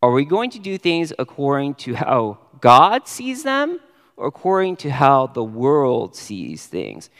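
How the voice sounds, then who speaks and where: Expressive man preaching in a reverberant hall. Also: mid-range voice. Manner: expressive, stresses key words with sudden rises. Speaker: pastor. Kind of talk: sermon.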